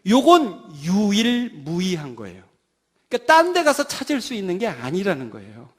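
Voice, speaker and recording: A male pastor preaching with a strikingly high voice that leaps and falls across a wide range. He delivers the sermon dramatically, building to loud peaks before sinking into hushed, intimate passages. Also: wildly swooping pitch, moderate pace.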